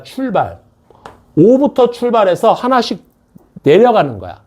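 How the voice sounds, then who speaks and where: A man's voice: sits high, darkish tone. A man teaching a math class, lecturing to students in a classroom, repeating key phrases and often checking that they follow. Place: tutoring academy classroom.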